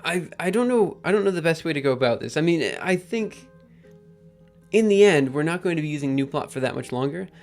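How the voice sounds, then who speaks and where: A man's voice: on the high side, animated, a little mellow. Guy live coding on stream, talking to himself, lots of ums, faint music behind. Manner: thinking aloud, halting, many ums. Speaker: livestream host.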